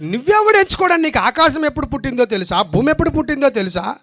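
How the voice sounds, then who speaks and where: A man preaching a sermon, firing rhetorical questions and swinging between loud, forceful lines and soft, low asides. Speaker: pastor.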